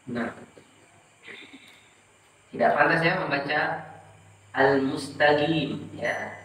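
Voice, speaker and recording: A man teaching Quran recitation in class, modelling pronunciation slowly and quizzing his students. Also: on the high side, expressive, pushed and bright. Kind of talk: classroom tajwid lesson. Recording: echoey room, mic far off.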